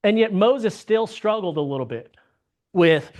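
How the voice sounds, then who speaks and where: This Bible class teacher from the United States sounds expressive and unhurried, with a medium, slightly mellow voice. Leading a conversational lesson, the teacher often checks in with tag questions and restarts sentences, repeating words mid-sentence.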